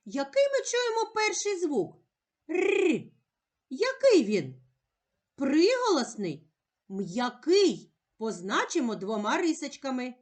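A woman teacher giving a slow, clear reading lesson to young children, stretching out the sounds in a sing-song way. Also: high voice, sing-song. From Ukraine.

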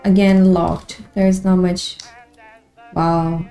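A woman's voice: fairly low pitch, flat delivery, extremely slow, mellow, soft background music. A woman streamer giving casual commentary while playing a horror game, easily startled and talking to herself. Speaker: gameplay streamer.

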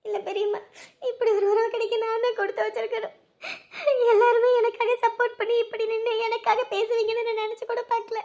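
A tearful young woman, soft and high-voiced. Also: little pitch movement, fast, muffled recording. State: crying. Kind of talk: Tamil family drama acting.

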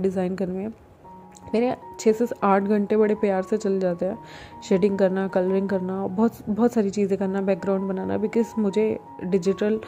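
A woman's voice: medium pitch, warm tone. A woman casually telling a fan-fiction romance story, chatty and sprinkling English words into her Hindi.

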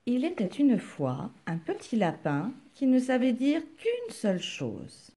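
Slow, expressive woman reading a picture book. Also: on the high side, slightly rough. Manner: expressive, unhurried. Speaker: storyteller.

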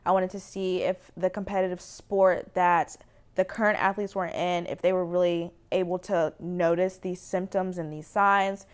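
A woman presenting her documentary from a living-room couch, speaking earnestly and in a measured way. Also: fairly low pitch, little pitch movement, smooth. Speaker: documentary director and host. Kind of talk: direct-to-camera documentary introduction.

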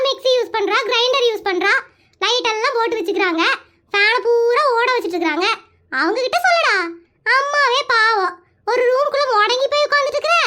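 A woman's voice: sharp tone, full character voice. A woman voicing a grumbling old village mother-in-law in a cartoon, complaining and defensive. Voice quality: very high squeaky cartoon voice.

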